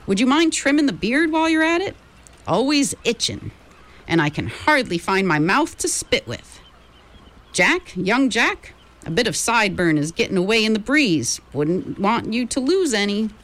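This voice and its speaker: A chatty, eccentric frontier gold miner, put on by a woman reading aloud, drawling his folksy talk in a raised, lively voice that leaps up and down. He sounds cheerful and easygoing, a storybook prospector. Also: fairly high pitch, voice pushed up. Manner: drawling frontier dialect, talkative. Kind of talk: audiobook character voice.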